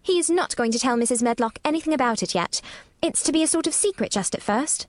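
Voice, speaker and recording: A woman's voice: sits high, very animated, fairly quick, no room sound, clean studio sound, voice pushed up. A woman voicing an earnest, self-assured little girl in an audiobook. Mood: firm. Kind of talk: audiobook character voice.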